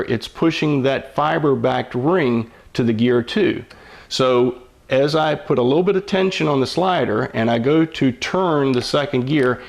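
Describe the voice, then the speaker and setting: An older man explains hands-on mechanical work step by step, like an old machinist, in a patient, folksy, plain-spoken way. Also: medium pitch. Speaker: mechanic giving instruction.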